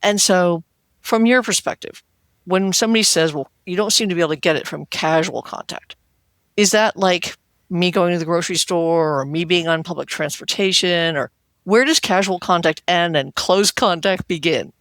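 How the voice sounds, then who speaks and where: A woman's voice: lowish voice, moderate pace, no room sound. Earnest woman podcast host, dry sound. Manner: earnest, repetitive "we want to" phrasing, acts out quotes. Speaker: podcast host, healthcare worker. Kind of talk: conversational interview.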